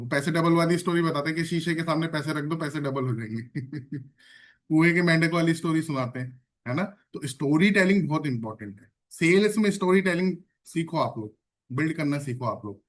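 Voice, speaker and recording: A man speaking fairly quickly in a fairly high voice hosts an online sales training session. He is energetic, repeating phrases and asking the audience questions to check in.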